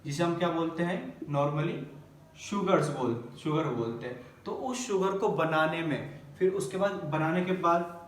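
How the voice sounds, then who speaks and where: A man's voice: fairly high pitch, measured pace, distant mic. A male teacher explaining accounting terms in a lesson at a board, often putting a question to the class and answering it himself. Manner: asks and answers his own questions; mixes English terms into Hindi. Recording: echoey room, voice from off mic.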